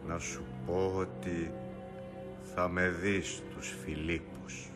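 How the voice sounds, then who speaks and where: A ghost speaking in a radio play, as an actor plays it, the voice sunk very low and dragged out slowly. Every word lands ominous and heavy. Music plays clearly behind him. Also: male voice, level tone, lightly acted. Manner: slow, drawn-out, ominous delivery. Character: Caesar's ghost, evil spirit, slow and deep. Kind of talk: radio drama acting.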